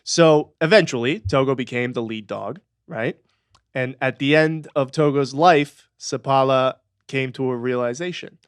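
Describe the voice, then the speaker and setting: A man's voice: mid-range voice, measured pace, smooth, no room sound. Young man, podcast co-host, casual storytelling, filler words, dry close mic. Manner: storytelling, chuckling, trailing off with fillers. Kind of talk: casual chat.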